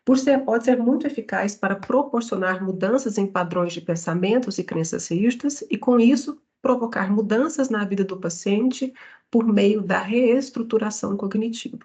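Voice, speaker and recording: A woman's voice: medium pitch, normal speed, a little mellow. A woman giving a psychology study-group lecture in an explanatory way, often checking in with tag questions.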